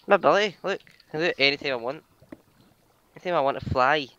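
Excitable swearing gamer. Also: male voice, fairly high pitch, fast, highs cut off, a little hiss or hum. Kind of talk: casual gameplay commentary.

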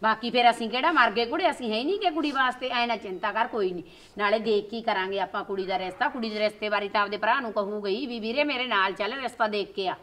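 A woman's voice: on the high side, quick pace, a bit bright, natural voice. A woman with a rural Malwa Punjabi accent, playing a caring older sister-in-law who keeps reassuring the other woman. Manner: soothing, reassuring.

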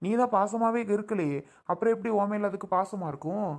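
A man playing a quick-tempered father who scolds his wife for upsetting their daughter in a drama skit. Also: high voice. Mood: angry. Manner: gruff, scolding.

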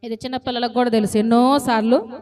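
A woman preaching a sermon to a congregation, lively and constantly asking them questions and calling for answers. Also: a little high, quick pace. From South India.

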